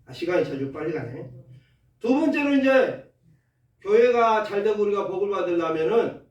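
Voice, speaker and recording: A Korean pastor with a preaches in a folksy, lively way, throwing rhetorical questions at his congregation. His voice sits high for a man. It rings through an echoey church hall and sounds a little distant from the mic. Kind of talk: sermon. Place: church sanctuary.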